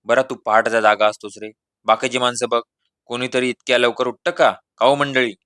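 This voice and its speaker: A man's voice: medium pitch, level tone, brisk, a bit bright, clear, resonant tone, no room sound, studio quality, lightly acted. A man reading a storybook voices a cunning village exorcist who coaxes, bargains and then bosses the crowd. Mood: coaxing. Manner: coaxing, then bossy and showy. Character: boastful middle-aged village exorcist, cunning and brash.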